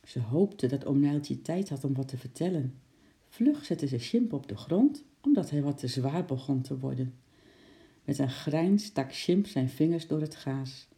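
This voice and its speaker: A woman reading a children's book aloud in a gentle storytelling manner. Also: sits low, animated, a little slow. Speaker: narrator.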